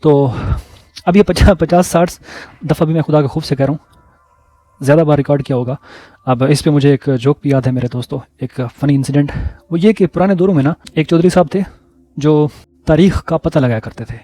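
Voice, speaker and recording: A man telling personal stories in a casual vlog, relaxed and repeating words for emphasis. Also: on the high side. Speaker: vlogger.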